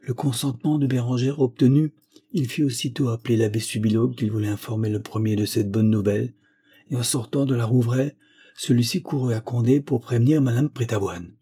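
A man narrating a classic French novel in a measured, even storytelling manner. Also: medium pitch, breathy edge. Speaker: audiobook narrator. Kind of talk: literary audiobook narration.

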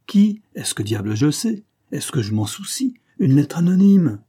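A man voicing a gruff, boastful aging police commissioner in an audiobook, speaking raised and emphatic with a sardonic edge. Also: mid-range voice, expressive, normal speed, dark tone, voice pushed up.

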